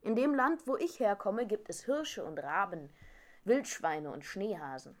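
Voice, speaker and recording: Chirpy little talking bird a lady reads out, knows the world, explains stuff brightly, storybook voice. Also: mid-range voice, animated, unhurried, close to an everyday voice. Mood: explaining. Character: chatty well-traveled talking songbird. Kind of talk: storybook reading.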